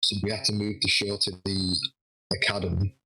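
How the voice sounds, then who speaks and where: A young man, a wrestler guest, telling a lively anecdote with frequent restarts. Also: low voice, fairly quick, rough recording. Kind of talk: casual storytelling.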